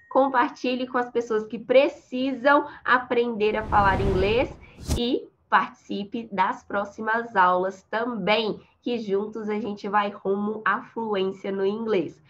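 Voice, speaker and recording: A woman teaches an English lesson, her voice fairly high as she lays out example sentences slowly and carefully. The recording is a little dull and lo-fi. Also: fairly even intonation, fairly bright tone, a little hiss or hum. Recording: slightly dull lo-fi sound.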